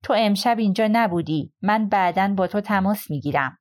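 A woman reading an audiobook, voicing a calm, decisive young woman who gives firm orders. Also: medium pitch, no room sound, studio quality, natural voice. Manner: calm, commanding.

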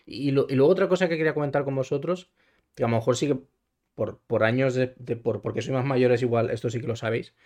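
A man's voice: medium pitch, fairly even intonation, quick pace, darkish tone. A man co-hosting a podcast, chatting casually about films, rambling with many restarts. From Valencia. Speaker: podcast co-host. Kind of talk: casual film chat.

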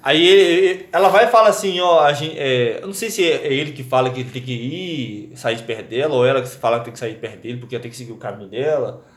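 A man chatting casually, retelling a book in a loose, slangy, animated way. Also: medium pitch, fast talker. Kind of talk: casual chat. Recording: echoey room.

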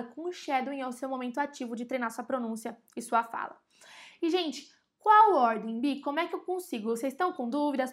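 A woman with a Brazilian Portuguese accent teaching English in a casual online lesson, chatty and often addressing her audience directly. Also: sits high. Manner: slows down to spell and repeat example words.

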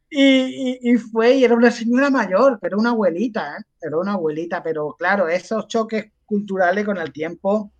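Andalusian man telling lively anecdotes. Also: high-pitched, a little fast, hardly any pauses. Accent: Andalusian Spanish. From Andalusia, Spain. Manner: animated, acts out the voices of people he quotes. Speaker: podcast guest. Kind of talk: casual chat, anecdote storytelling.

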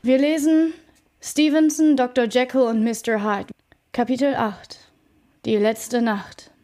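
A woman narrating a classic novel as an audiobook in a clear, measured reading voice. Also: a little high, steady tone, darkish tone. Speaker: audiobook reader.

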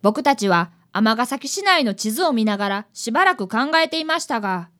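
A woman with a slightly high, somewhat bright voice plays an eager fifth-grade apprentice detective, a boy, acting and narrating in a radio drama. She's very animated and earnest, at a moderate pace.

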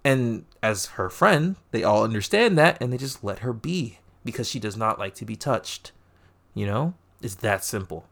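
A man's voice: fairly low pitch, moderate pace, gravelly. A man co-hosting a casual podcast, talking about a TV show. He swears often and jumps into voices as he retells scenes. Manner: profane, animated retellings of scenes. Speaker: podcast co-host. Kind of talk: casual TV review chat.

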